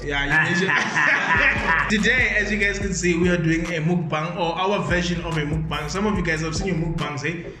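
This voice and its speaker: High-voiced man hosting a vlog. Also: moderate pace. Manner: upbeat, sing-song greetings, joking. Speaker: co-host. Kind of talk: casual food vlog chat. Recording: echoey room with music behind.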